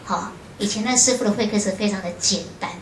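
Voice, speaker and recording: A Buddhist nun gives a storytelling lecture to an audience. She tells her story in a lively way and often uses short filler words. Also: medium pitch, fast talker, slight background noise. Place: lecture room at a foundation. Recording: roomy hall with faint ambience.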